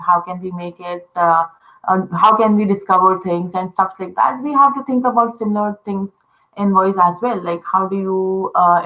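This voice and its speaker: A woman from India, a native Telugu speaker with an Indian accent, explains conversation design casually, peppering her speech with fillers like "uh" and "you know." Her voice is lowish, and the recording has its highs cut off.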